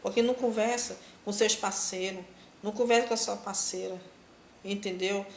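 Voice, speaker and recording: A woman preaching casually on a phone live stream from home. She presses her point to her listeners again and again, calling them brothers and sisters. Her voice sits at a medium pitch in a roomy, echoey space with faint noise behind it. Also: steady tone, moderate pace. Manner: exhortative, repeats herself, addresses listeners as brothers and sisters. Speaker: live streamer giving religious advice.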